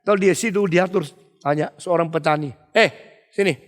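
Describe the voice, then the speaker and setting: High-voiced preacher in a reverberant hall. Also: male voice, fast. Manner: emphatic storytelling with rhetorical questions. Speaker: pastor. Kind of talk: expository sermon.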